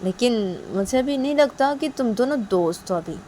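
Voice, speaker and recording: A woman's voice: fairly high pitch, expressive, normal speed, mellow, a little hiss or hum, voice pushed up, lightly acted. A woman voicing a middle-aged mother who keeps questioning, tacking on nagging tag questions. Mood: probing.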